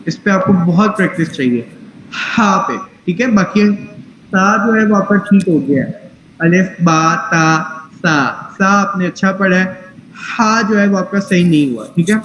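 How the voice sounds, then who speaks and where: A man's voice: high voice, a bit bright, reverberant, slight background noise, poor audio. A man teaching tajweed in an online class, patient and corrective, mixing English phrases into his speech. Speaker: Quran recitation teacher.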